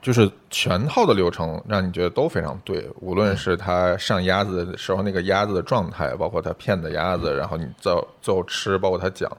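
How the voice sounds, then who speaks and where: A man's voice: sits low, brisk, few pauses. A man chatting casually and animatedly as a podcast co-host, giving his opinions freely. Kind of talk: casual chat about restaurants.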